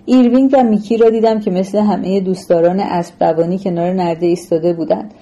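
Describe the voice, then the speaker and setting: A woman reading a novel aloud as narrator in a measured, even storytelling manner. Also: on the low side, poor audio. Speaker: audiobook narrator. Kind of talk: scripted literary narration.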